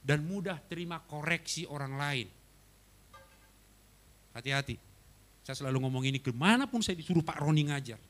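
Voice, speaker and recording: A man preaches a sermon in a bright, forceful voice that rides fairly high. His pitch leaps and falls all over as he tells his story, jumping from loud bursts to hushed asides. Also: moderate pace, long pauses. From Batak. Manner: animated storytelling, swings from loud to soft. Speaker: pastor. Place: church hall.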